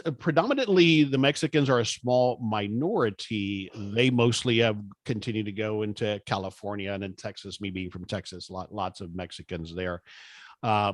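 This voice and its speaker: A Cuban-born man co-hosting a podcast, telling stories in a relaxed, chatty way with a neutral accent. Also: fairly low pitch, no echo. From Cuba. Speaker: podcast co-host. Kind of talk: casual podcast chat.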